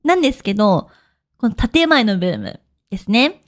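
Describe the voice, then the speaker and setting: A woman's voice: a little high, big pitch swings, moderate pace. A woman from Japan teaching listeners in a casual, chatty podcast lesson, laughing often and asking them questions.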